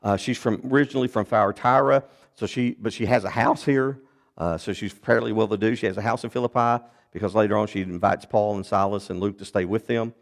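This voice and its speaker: A man preaching a sermon, retelling a Bible story in an animated storytelling manner with big swings in pitch and loudness. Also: brisk.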